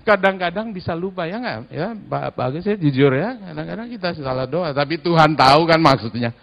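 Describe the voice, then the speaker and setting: Middle-aged male pastor, high voice, lively preacher who jumps from hushed stories to loud exhortation. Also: brisk, creaky, muffled recording. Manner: animated preaching, swinging from soft asides to loud exhortation; laughs while telling anecdotes. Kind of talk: sermon.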